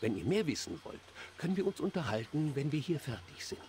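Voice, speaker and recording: A man playing an anxious, devout dark-elf priest in a fantasy game, speaking formally and earnestly. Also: fairly high pitch, very animated, a little fast, a little hiss or hum. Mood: explaining, faintly indignant. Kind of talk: fantasy game dialogue acting.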